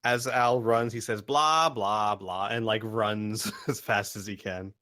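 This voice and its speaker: A man's voice: on the low side, fairly even intonation, measured pace, a bit bright, no room sound, clean studio sound. A man playing a tabletop role-playing game, chatting casually and thinking aloud as he describes his moves.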